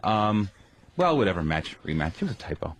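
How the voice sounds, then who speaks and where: A man's voice: deep voice, big pitch swings, brisk. A man defending himself on a live radio show as its executive producer, hesitant and stumbling over his words. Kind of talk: on-air radio banter.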